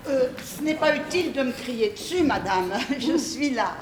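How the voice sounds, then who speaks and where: A woman plays a weary housemaid who is tired of being ordered about. She grumbles in a high voice. It sounds like a stage performance in an echoing hall. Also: lively intonation, normal speed, crowd noise. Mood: grumbling. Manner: put-upon, grumbling asides. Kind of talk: amateur stage play performance.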